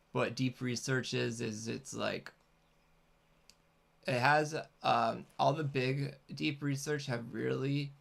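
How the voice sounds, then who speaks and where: A man's voice: mid-range voice, gravelly. A man chatting casually and unscripted as a host, rambling and hesitant as he explains things. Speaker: host, content creator.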